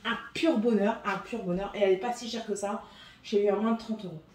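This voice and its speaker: A woman's voice: mid-range voice, steady tone, brisk, a little mellow, slight background noise. A middle-aged woman with a French accent, chatting casually through a haul video with many hesitations and repeats. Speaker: vlogger.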